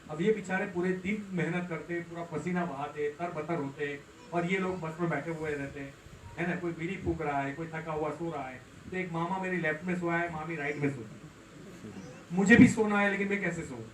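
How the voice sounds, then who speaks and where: Male motivational speaker, high pitch, heard from far off in a hall, moves between loud and hushed delivery. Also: a little hiss or hum. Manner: storytelling, swings from loud to hushed. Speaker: network marketing speaker. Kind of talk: motivational seminar talk.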